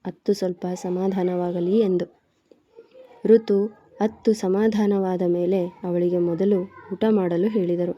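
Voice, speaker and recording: A woman storyteller reading a romance serial aloud in a steady, expressive way. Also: on the low side. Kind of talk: scripted story narration. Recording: dull, dry, lo-fi recording.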